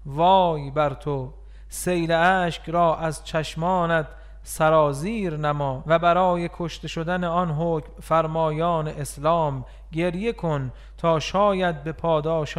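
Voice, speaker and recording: Guy reading a religious text out loud, smooth clear voice, kinda high, mournful and earnest. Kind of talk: solemn scripted reading.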